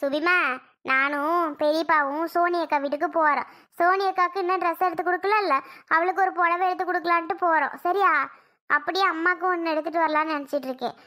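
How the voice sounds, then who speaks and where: A woman's voice: very high voice, steady tone, quick pace, bright, forceful tone. Woman voicing a kind soothing aunt. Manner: soothing, coaxing, motherly. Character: kind middle-aged aunt, soothing and patient. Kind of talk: cartoon voice acting.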